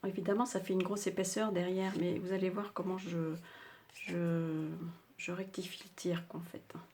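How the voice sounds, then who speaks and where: An older woman walks viewers through a craft project in a low, soft voice, a little worn by a sore throat. She chats along casually, full of little fillers and restarts. A faint hiss sits behind her. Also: little pitch movement, moderate pace. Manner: chatty, hesitant, many fillers. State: slightly sore throat, speaking softly. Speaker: craft tutorial host.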